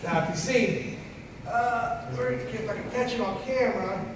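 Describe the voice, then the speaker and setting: Higher-voiced man in an echoey hall. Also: a little slow. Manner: emphatic, keeps checking in with "okay?". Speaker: paranormal investigator presenting evidence. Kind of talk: convention panel talk. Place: convention panel hall. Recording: echoey hall, distant, faint hiss.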